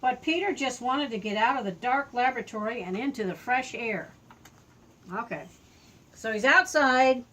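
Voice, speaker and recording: This is a high-voiced older woman telling a children's story like a grandmother would, breaking off with simple, expressive asides to help a little one understand. The audio quality is poor.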